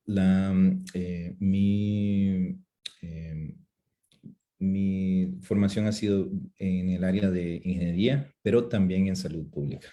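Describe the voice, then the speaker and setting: A man from Costa Rica giving a webinar lecture from a home office, talking haltingly with many fillers and restarts. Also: sits low, mellow. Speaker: webinar speaker. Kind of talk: lecture presentation. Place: home office with two screens.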